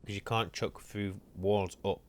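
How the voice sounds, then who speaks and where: A man's voice: on the low side, fairly even intonation, dry recording. A man hosting a gaming channel, chatting dryly and teasing his wife while they play a game together. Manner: dry, teasing, unhurried. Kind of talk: casual co-op gameplay chat.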